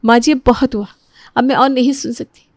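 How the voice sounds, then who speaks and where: A woman's voice: on the high side, fairly even intonation, brisk, no echo, studio quality, lightly acted. A woman voicing a patient young daughter-in-law who speaks in a pleading tone. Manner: pleading, soft-spoken.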